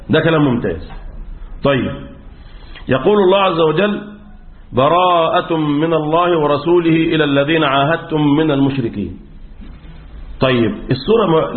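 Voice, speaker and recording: A man teaching Quran recitation rules in Egyptian Arabic, asking questions and answering them himself, often clearing his throat. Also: mid-range voice, reverberant. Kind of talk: religious lesson on recitation rules. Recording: tinny phone-like audio.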